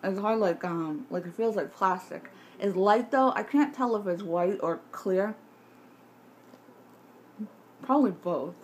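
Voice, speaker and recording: Her speech slightly hampered by a bite splint wired into her mouth, a woman in her twenties or thirties vlogs her jaw surgery recovery in a mid-range voice. She chats casually but haltingly and ramblingly from her home kitchen, with the handheld phone at arm's length picking up faint background noise.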